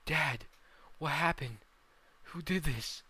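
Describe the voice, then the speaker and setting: A man voicing a grieving, vengeful teenage boy swordsman, shouting anguished pleas in a fan-made story. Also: mid-range voice, unhurried. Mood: distraught.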